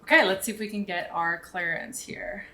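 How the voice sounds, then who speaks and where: Against a noisy background, a woman in her thirties talks at a moderate pace in a mid-range voice. As a pilot and video host, she gives a casual tutorial from a small indoor room at home, thinking out loud while working, with a boom-arm mic up close and a headset on.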